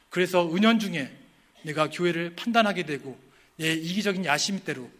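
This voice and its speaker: A male pastor delivers a sermon in a high, bright, ringing voice. He leans on rhetorical questions, lifting them to emphatic peaks before sinking low at the close. When he lists the virtues one by one, he slows to a deliberate pace.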